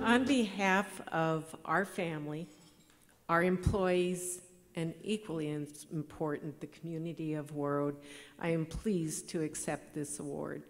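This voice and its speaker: A middle-aged woman, giving a measured, earnest award acceptance speech at a podium microphone in a large banquet hall. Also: low voice, steady tone. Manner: measured, earnest, read from notes. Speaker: award recipient. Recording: long hall reverb.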